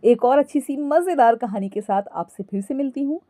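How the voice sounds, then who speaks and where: A woman storyteller narrating a scripted moral story in a calm way, addressing listeners as friends. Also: high voice, fairly quick, no echo.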